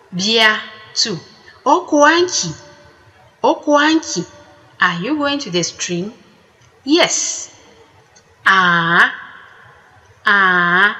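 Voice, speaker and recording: Slow, echoing woman language teacher. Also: medium pitch, expressive, bright, forceful tone. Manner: slow, deliberate, repeats each word twice. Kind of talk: recorded language lesson. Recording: echoey room with long reverb.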